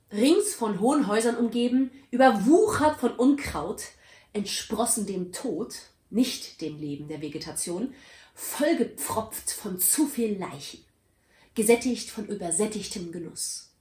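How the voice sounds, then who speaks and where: A woman narrating a story aloud with a dramatic, expressive reading. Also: medium pitch, measured pace. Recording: roomy echo.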